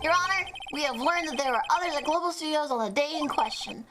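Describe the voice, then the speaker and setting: A woman's voice: high voice, animated, fast talker, bright, forceful tone, faint music behind, rough recording. A woman reading as an earnest young male lawyer. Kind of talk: reading a visual novel aloud.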